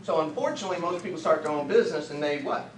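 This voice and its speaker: A man from the United States giving an energetic motivational business training talk, full of rhetorical questions and jokey asides. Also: a little high, rapid-fire. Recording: echoey room, faint background noise.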